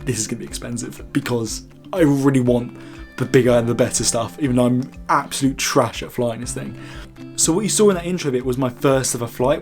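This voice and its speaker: A man's voice: mid-range voice, darkish tone. A young British man hosting a video channel, chatting casually and enthusiastically to viewers. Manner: enthusiastic, informal. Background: faint music.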